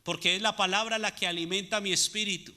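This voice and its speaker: A man's voice: sits high, fairly even intonation, fast talker, pushed and bright. A man preaching a sermon as pastor, asking the congregation rhetorical questions and answering them. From Latin America.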